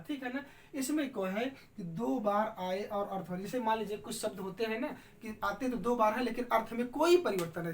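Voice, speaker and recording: A woman teaching a grammar lesson at a middle pitch, explaining patiently and checking in with her students often. She sits some way back from the microphone, and a faint room hum runs underneath. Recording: distant mic with faint room ambience.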